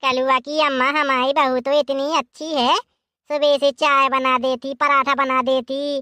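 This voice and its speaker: A woman's voice: high-pitched, little pitch movement, measured pace, pushed and bright, no room sound, voice pushed down. A woman doing a bragging old Awadhi neighbor. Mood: boastful. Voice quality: gossipy, bragging. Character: boastful old village neighbor woman, gossipy.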